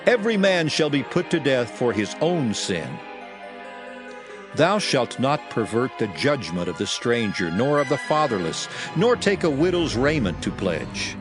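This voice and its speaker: With music underneath, a male audio Bible reader voices Moses addressing his people, proclaiming commandments in old-fashioned phrasing with a solemn, commanding mood. His medium-pitched delivery is very animated yet a little slow.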